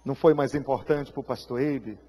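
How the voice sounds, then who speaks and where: A man with a Brazilian Portuguese accent preaching a sermon, telling a story with feeling, acting out voices and shouting at the peaks. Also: mid-range voice, moderate pace, husky. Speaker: pastor. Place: church hall. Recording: live church hall reverb.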